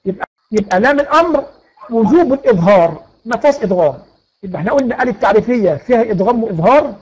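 A man with an Egyptian Arabic accent teaching Quran recitation rules in an online lecture, explaining patiently, posing and answering his own questions, reciting verses slowly. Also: very high-pitched, poor audio.

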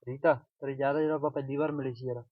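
A man's voice: mid-range voice, steady tone, very fast, no room sound, lightly acted. A young man plays a lovesick village lad, mournful and pleading. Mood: grieving. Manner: mournful and pleading, dropping his voice. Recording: tinny phone-like sound.

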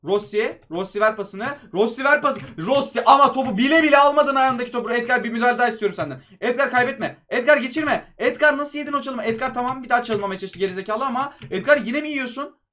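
A young man with a very high voice rattles off his own mobile football match like a sports announcer. He talks fast, urging his players on and reacting to every play as it happens. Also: sharp tone. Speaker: mobile game video creator. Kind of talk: excited gameplay commentary.

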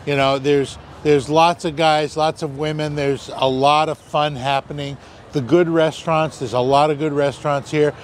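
A man hosting a food vlog, calmly explaining each dish step by step in casual commentary, on a busy street. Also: a little high, normal speed. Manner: easygoing, explains dishes step by step. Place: outdoors on a busy city street. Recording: busy crowd noise outdoors. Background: crowd chatter and passing traffic.

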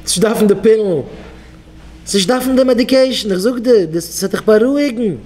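Mellow-voiced rabbi exhorting his students. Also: high-pitched, fairly quick. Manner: exhorting, leads the crowd in call-and-response chants. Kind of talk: Yiddish sermon to yeshiva students.

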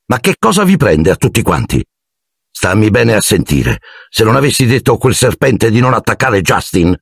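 A man voicing an earnest, defiant twelve-year-old boy wizard, quick to anger, for an audiobook. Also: on the low side, sing-song, gravelly, slightly rough, no room sound, clean studio sound, pitched above the performer's own voice, heavily acted.

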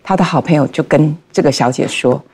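A woman on a talk show telling a case story in lively detail, acting out the people she quotes. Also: low voice, a little fast, creaky, husky. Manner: animated, acts out quoted dialogue. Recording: studio with background music.

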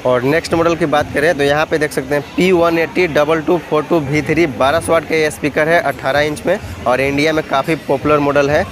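A man vlogging through an expo hall, listing models and prices in a steady, repetitive way. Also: fairly high pitch, brisk, few pauses. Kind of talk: walkthrough vlog listing prices. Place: busy indoor trade expo hall. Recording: noisy expo hall phone recording.

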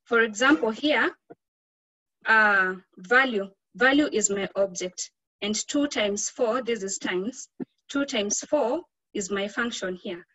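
Kenyan accent woman teaching software, informal, bit hesitant, step by step, dry audio no echo. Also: medium pitch, slow. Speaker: instructor. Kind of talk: software tutorial, informal explanation.

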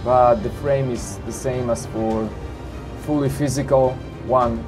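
Over background music, a man with a medium-pitched, fairly even voice narrates a showcase of flight simulator cockpits. His pace is a little slow, and his upbeat sales pitch is peppered with "you know" and "of course."

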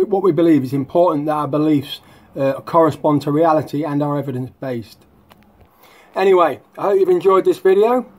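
A man hosting a casual vlog, talking in a mocking, sardonic way. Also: a little high. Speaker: YouTube host.

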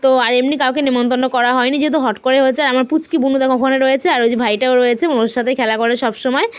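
A young woman talks quickly in a casual vlog voice-over. Her voice is smooth and clear and sits a little high. She narrates in a chatty way, full of fillers. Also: steady tone, muffled recording. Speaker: vlogger.

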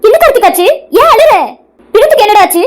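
A woman doing a high-pitched fretful cartoon mother. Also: animated, fast. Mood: alarmed. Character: worried middle-aged mother, caring and anxious.

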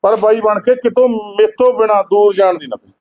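A man plays a devoted younger brother from Punjab with a very high voice. He is tender and protective toward his ailing brother, yet sharp and scolding in quarrels. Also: normal speed, highs cut off, close to an everyday voice.

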